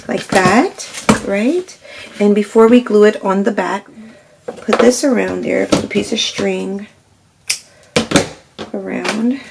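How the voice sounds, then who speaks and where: Medium-pitched and creaky, this woman's voice also sounds slightly nasal and stuffy, with a scratchy throat. She walks through a casual crafting demo one step at a time, tossing in "right?" along the way.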